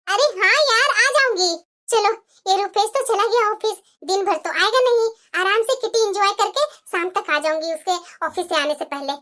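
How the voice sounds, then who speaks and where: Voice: very high voice, moderate pace, sharp tone. A voice actor playing a lazy, self-centred young wife in a cartoon, complaining and muttering asides to herself. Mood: scheming. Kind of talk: cartoon voice acting.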